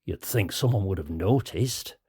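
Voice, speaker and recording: A man voicing a calm, practical young man who leads his friends, with a British accent. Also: sits low, normal speed, husky, no room sound, studio quality, full character voice. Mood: concerned.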